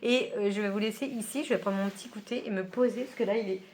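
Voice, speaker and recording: A chatty woman unboxes books at home and talks casually to her viewers. Her voice sits at an ordinary middle pitch and is full of fillers and small laughs. A faint hiss runs under the recording. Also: quick pace, a little mellow. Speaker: book vlogger.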